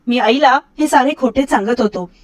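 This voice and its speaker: Storybook reader: high-pitched middle-aged woman who raises her voice for character lines. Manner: recites verse slowly and lower. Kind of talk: reading a story aloud.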